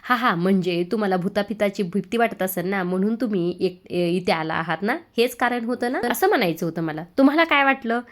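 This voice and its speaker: A woman's voice: mid-range voice, lively intonation, brisk, hardly any pauses, natural voice. A woman voicing a teasing, mock-polite young man in a recap of a TV serial. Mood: evasive. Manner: playful, calls her madam with mock formality. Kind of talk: acted dialogue in a serial recap.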